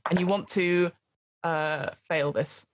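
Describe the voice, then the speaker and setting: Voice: mid-range voice, steady tone, takes it slowly, a little hiss or hum. A game master running a tabletop role-playing game, giving casual instructions and narration to players.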